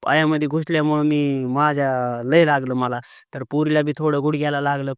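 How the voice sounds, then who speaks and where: A man's voice: on the high side, flat delivery, fairly quick, clean tone, no room sound, studio quality. A man, telling a story at length in a casual vlog, circling back and repeating himself. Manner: rambling and repetitive, retelling events with many restarts. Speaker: vlogger.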